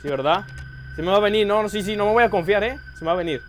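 A man giving excited horror gameplay commentary, jumpy, repeating words and crying out. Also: high voice, rapid-fire, a little hiss or hum.

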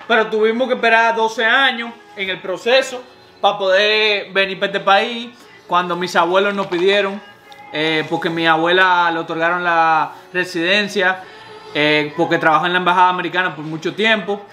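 A man's voice: high voice, fairly even intonation, moderate pace, pushed and bright, soft background music. A young Dominican man chatting casually in a home kitchen, joking and mixing English words into his Dominican Spanish. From Dominican Republic. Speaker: vlogger, channel co-host. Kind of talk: casual chat.

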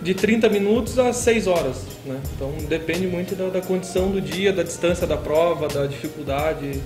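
A young Brazilian man with a high voice speaks casually about competing, tagging sentences with "né". His voice rings in an echoey room with faint music under it. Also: moderate pace. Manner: relaxed, explains with many "né" tags. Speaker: paragliding competitor. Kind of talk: interview answers. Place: indoor shop room with shelves.

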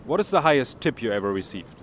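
Brief: man, 40s, German accent, street reporter with a handheld mic, halting English, faint street noise behind. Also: mid-range voice, big pitch swings, fairly bright tone. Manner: hesitant, many ums and uhs in English. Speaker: finance correspondent and interviewer. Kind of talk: street interview, report to camera. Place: outdoors on a city street. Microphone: handheld microphone.

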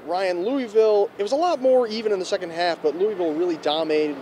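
A young man reporting a postgame recap outdoors on a handheld mic, brisk and stat-heavy. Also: high voice, mellow. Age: young adult. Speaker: student sports reporter. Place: outdoors in front of an arena. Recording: faint street noise outdoors.

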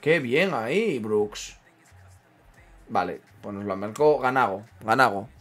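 A man's voice: fairly low pitch, lively intonation, slow, a bit bright, faint music behind. A man, a gaming streamer chatting casually over a football management game, muttering to himself and reading out chat. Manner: banters, mutters, reads chat aloud. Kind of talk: casual gameplay commentary.

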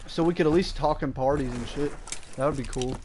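A man's voice: medium pitch, brisk. A man streaming a video game in casual chat, talking like a frat bro with lots of slang and swearing. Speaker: livestreamer playing a video game. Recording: noisy mic with game sound.

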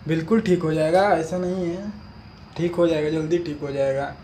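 A man's voice: on the high side, steady tone, normal speed, warm tone, a little hiss or hum. A man acting out a comic sketch as a doctor, teasing his patient with brash, coarse banter. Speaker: comedy sketch actor.

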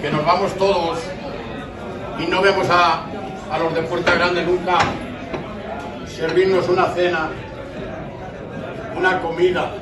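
Captured from afar by a camera on the other side of a crowded, echoing restaurant, an older man from Spain offers a moved, slightly choked-up tribute at a farewell dinner. His rather high voice barely rises or falls, keeping a measured pace with many pauses. The speech is informal and comes from the heart, while a loud crowd fills the indoor dining room.

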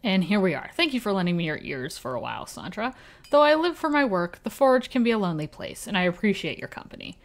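Here a woman performs game lines as a kindly, older village blacksmith, a man, using a vague fake accent and a warm, formal delivery. She speaks quickly in a mid-range voice full of big pitch swings.

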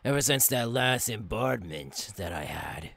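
ASMR role-play: cruel, theatrical pirate clown captain. Lowish, gravelly, menacing drawl, recorded close and dry. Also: male voice, animated, a little slow, no echo, heavily acted. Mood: impatient, threatening. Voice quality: raspy, gravelly. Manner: theatrical, drawling, swinging between hushed threats and barks.

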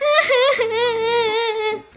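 A woman's voice: very high voice, expressive, a little slow, a bit bright, exaggerated voice. A woman voicing an emotional young mother in a game role-play story, prone to jealous, sobbing accusations. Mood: tearful, accusing.

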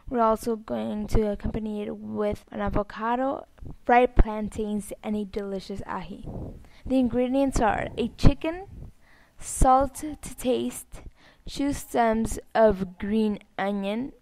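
A woman's voice: fairly high pitch, gravelly, darkish tone, dry recording, rough recording. A woman narrating a recipe step by step as a cooking host. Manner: plain step-by-step instructing.

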